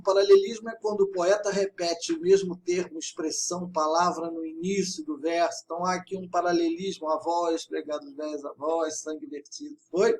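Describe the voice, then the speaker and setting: Male literature teacher, fairly high voice, patient and emphatic video-lesson delivery. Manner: patient, emphatic, reads verse lines aloud slowly. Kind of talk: video lesson explaining a poem.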